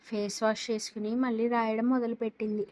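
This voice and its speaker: A woman narrating a romance story in a steady, dramatic reading style. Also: a little high, brisk, dry recording, rough recording.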